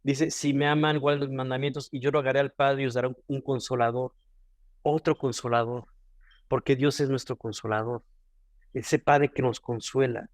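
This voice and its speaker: A man's voice: medium pitch, level tone, moderate pace, dry recording, studio quality. A man with a Mexican Spanish accent giving an earnest devotional teaching, often repeating and restarting phrases. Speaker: devotional speaker.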